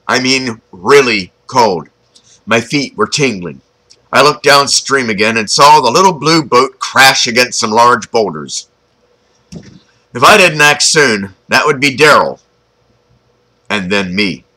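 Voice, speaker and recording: A man's voice: mid-range voice, pushed and bright, poor audio. A man reading his own story aloud, chatty and informal, breaking off for asides and jokes to the listener. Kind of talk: storytelling narration.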